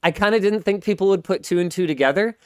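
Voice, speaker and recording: Rambling Canadian man, crisp dry voice. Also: sits high, fast talker, no echo. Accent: Pacific Northwest. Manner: rambling, self-interrupting, repeats words. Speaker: podcast host. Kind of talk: casual podcast chat.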